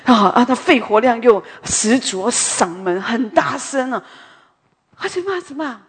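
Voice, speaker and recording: A woman giving a conversational sermon at a women's prayer meeting, a chatty, animated storyteller who drifts into asides. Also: on the high side, moderate pace, husky. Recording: long hall reverb.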